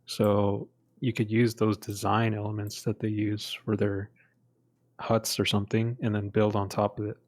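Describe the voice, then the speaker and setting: A man's voice: on the low side, monotone, normal speed. A man co-hosting a casual chat, easygoing and full of suggestions. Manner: easygoing, offers ideas and suggestions. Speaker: podcast co-host.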